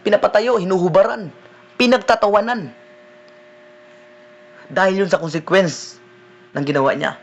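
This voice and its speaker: A man, a deliverance minister preaching a sermon in a conversational way, often checking in with the listeners with a quick "no?". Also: sits high, a bit bright. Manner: conversational preaching, mixing in English phrases, frequent "no?" tag questions.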